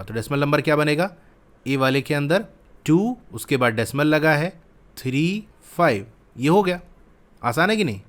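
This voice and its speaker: A man's voice: fairly high pitch, a bit bright. A man teaching a school maths lesson, explaining step by step and asking questions he then answers himself.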